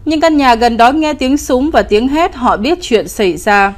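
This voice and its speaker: A woman's voice: high voice, expressive, measured pace. Woman narrating a ghost story.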